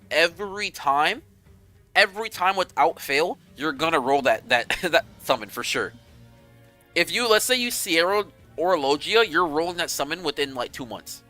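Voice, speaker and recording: A young man chatting casually with his viewers on a game stream, animated and rambling, swearing freely. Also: fairly high pitch.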